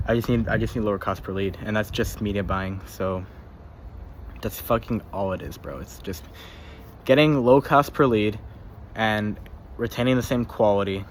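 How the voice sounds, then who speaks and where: A man's voice: on the low side, normal speed, a little hiss or hum. A young man keeping a casual spoken journal, rambling, swearing freely and often repeating himself or tripping over his words.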